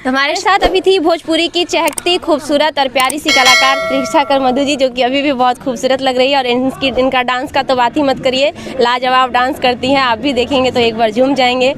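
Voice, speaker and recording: A woman's voice: sits high, fairly even intonation, a little fast, few pauses, a crowd in the background. A woman reporter wrapping up an interview in a fluent, effusive manner. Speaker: entertainment news reporter. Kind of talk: interview host sign-off.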